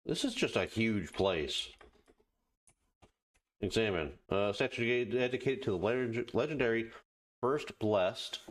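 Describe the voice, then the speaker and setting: A man giving casual let's play commentary, muttering halting asides to himself and reading on-screen text aloud. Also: fairly low pitch, lively intonation. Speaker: gaming video host.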